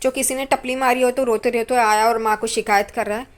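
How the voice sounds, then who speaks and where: A woman voicing a sarcastic young man from a TV serial who mocks his brother in a high voice, without much change from her own voice. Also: fairly even intonation, a little fast, natural voice. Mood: mocking. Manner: sarcastic, teasing. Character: mocking grown son teasing his brother.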